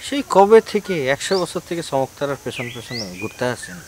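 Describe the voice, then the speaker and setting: A man's voice: a little high, big pitch swings, a little fast, background noise. An actor playing a gossipy, boastful village young man in a comedy TV drama.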